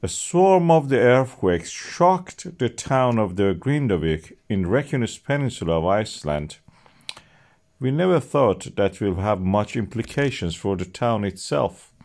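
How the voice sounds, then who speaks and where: A man's voice: on the low side, animated, measured pace, darkish tone. A middle-aged man narrating a science explainer as channel host, with non-native phrasing and emphatic rises on key words.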